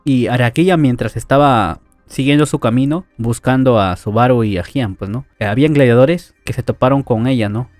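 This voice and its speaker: A man at an ordinary middle pitch, retelling a story in a relaxed, chatty way and sprinkling his lines with fillers and quick "right?" tags. The sound is close and dry, with faint music underneath. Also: dry recording. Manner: chatty, loose retelling with many fillers and tag questions. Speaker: anime story narrator. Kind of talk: casual spoken story recap.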